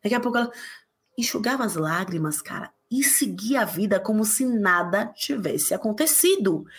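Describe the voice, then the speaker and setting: A woman guest in a casual podcast conversation, telling stories quickly and acting out quotes. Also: mid-range voice. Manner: animated, quick storytelling with acted quotes.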